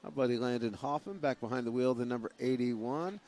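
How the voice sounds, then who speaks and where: A man's voice: mid-range voice, fairly quick, a little mellow. Folksy male speedway announcer. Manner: folksy, joking banter. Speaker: race announcer. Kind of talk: live race commentary. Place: small speedway track.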